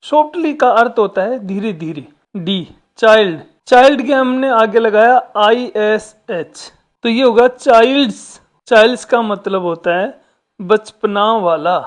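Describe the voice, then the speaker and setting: A woman's voice: on the high side, measured pace. Woman patiently explaining a workbook. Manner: patient step-by-step explaining, addresses children directly. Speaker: teacher.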